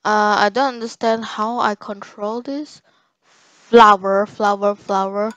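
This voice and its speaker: A woman's voice: medium pitch, steady tone, unhurried, fairly bright tone, dry recording, highs cut off. A woman commentating her own game play, flustered and repeating herself as she panics. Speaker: gaming YouTuber. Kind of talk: panicked live gameplay commentary. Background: game music.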